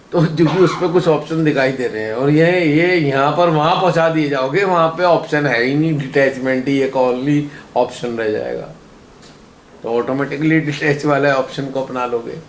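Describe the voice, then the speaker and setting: A man's voice: fairly high pitch, normal speed, slight background noise. A man leading a meditation workshop, speaking to a gathering in a playful way with rhyming wordplay and laughter. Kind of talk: spiritual talk to a gathering. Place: workshop hall. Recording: roomy hall echo, faint ambience.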